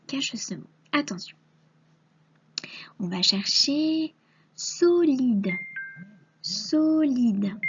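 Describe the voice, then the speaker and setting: A woman teacher giving a recorded reading lesson to a young child, patiently sounding out syllables and letters and often dropping to a soft half-whisper. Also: fairly high pitch, highs cut off.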